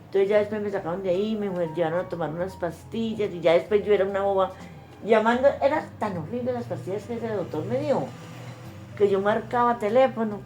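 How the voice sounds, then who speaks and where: A woman's voice: mid-range voice, fairly quick, a little mellow. Older Paisa woman, interviewee, emotional storyteller who acts out the people she quotes, faint music underneath. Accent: Colombian Paisa Spanish. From Colombia. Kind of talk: oral history testimony.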